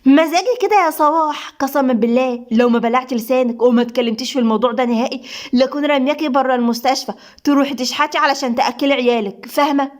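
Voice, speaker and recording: A woman's voice: sits high, very fast, lightly acted. A woman voicing a spiteful, threatening doctor. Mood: menacing. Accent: Egyptian Arabic. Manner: harsh, threatening.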